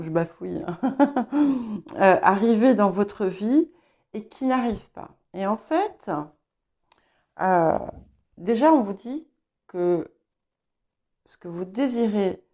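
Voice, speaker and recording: A woman giving a spoken tarot reading, hesitant and filling pauses as she talks. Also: mid-range voice, vocal fry, mellow, lo-fi sound. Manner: hesitant, many fillers and restarts. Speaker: tarot reader. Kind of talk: casual spoken tarot guidance.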